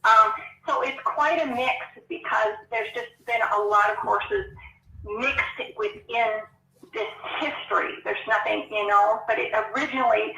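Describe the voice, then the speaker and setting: A woman with a bright, fairly high voice answers interview questions in a frank, chatty way. She sits back from the microphone in an echoey room. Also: measured pace. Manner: frank, chatty, laughs easily. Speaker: guest horse trainer. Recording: echoey, distant from the mic.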